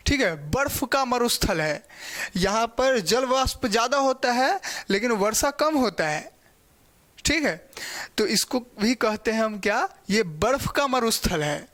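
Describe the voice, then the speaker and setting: A man's voice: sits high, a bit bright. A male teacher giving a geography lecture, explaining step by step and often checking in with the class. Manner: spells out pronunciation slowly.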